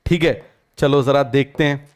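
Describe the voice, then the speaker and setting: Speaking at a medium pitch and without hurrying, a young man delivers a biology lecture for an online class. He keeps questioning and then answering himself, goes over each term repeatedly, and drops English terms into his Hindi.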